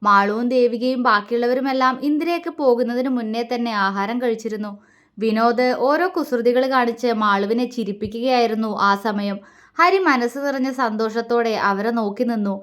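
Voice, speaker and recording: A woman tells a serialized love story in a steady, even reading voice. Her pitch sits a little above the usual range. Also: brisk. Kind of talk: scripted story narration.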